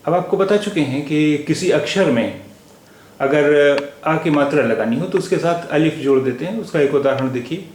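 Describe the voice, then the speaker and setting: A man teaching a language lesson, spelling out letters and repeating each word slowly and deliberately. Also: on the high side, darkish tone. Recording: echoey room with faint noise.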